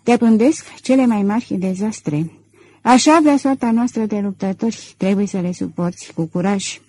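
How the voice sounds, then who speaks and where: Woman voicing a suave gentleman thief. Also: medium pitch, lively intonation, dry recording, natural voice, poor audio. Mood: gently warning. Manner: self-assured, cool and controlled. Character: suave middle-aged male gentleman thief. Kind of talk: audiobook character reading.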